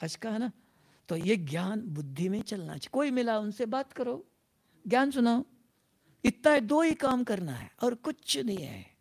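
Gravelly-voiced spiritual teacher. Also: medium pitch, big pitch swings, a little slow, a little mellow. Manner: repetitive, keeps asking the listeners questions. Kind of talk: devotional class talk.

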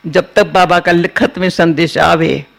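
An older woman giving a spiritual discourse, telling personal stories in a slow, homely way. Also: on the low side, fairly even intonation, creaky. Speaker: spiritual teacher.

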